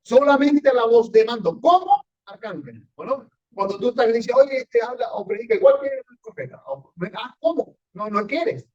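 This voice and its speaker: A high-pitched man, preaching to a congregation with emphatic swings of voice. He keeps checking in with his listeners. The recording is dull and lo-fi, as if taken in a church room. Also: very animated, moderate pace, darkish tone. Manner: emphatic, asks the audience often, rising and falling sharply. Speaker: pastor teaching a class. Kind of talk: sermon-style Bible teaching with congregation questions.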